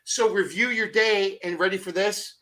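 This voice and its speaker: A middle-aged man on a motivational podcast, telling energetic stories full of rhetorical questions and acted-out asides. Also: high-pitched, moderate pace. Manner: acts out his own thoughts in quoted asides. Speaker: podcast guest.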